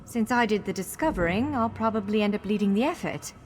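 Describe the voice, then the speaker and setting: In a fantasy video game, a woman voices an earnest, encouraging female elf scholar who guides the hero, and the mood is friendly. Her medium-pitched voice is animated and brisk with a darkish tone, lightly acted. Long hall reverb and faint music surround it.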